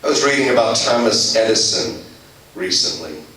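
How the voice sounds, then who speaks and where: A man preaching a sermon as pastor, slowing down and dropping his voice softly on key phrases. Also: fairly low pitch, lively intonation. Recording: very echoey church hall, voice from a distance.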